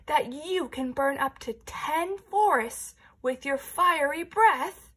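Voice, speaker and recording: A woman voicing a brave, clever young princess in a storybook reading, calling out loud, high, emphatic questions. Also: takes it slowly. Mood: bold.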